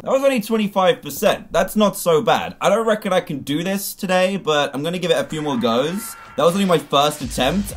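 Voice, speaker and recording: A young man commentating his own gameplay with huge swings in pitch, one moment muttering and the next yelping. He shouts at his fails and cheers his wins. Faint game music plays behind him. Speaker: gaming YouTuber.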